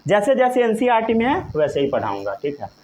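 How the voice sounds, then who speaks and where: Male teacher, high and animated, slow deliberate delivery, constantly checks comprehension. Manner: repeatedly checks understanding with short questions; slow, emphatic dictation of key terms. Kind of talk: classroom lecture.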